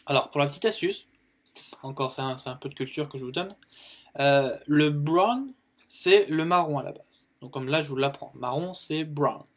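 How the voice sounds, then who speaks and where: A French-speaking man teaching colour words in a casual video lesson, repeating each word and using plenty of fillers. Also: a little high. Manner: explains slowly, repeats words, many fillers. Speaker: YouTube English teacher.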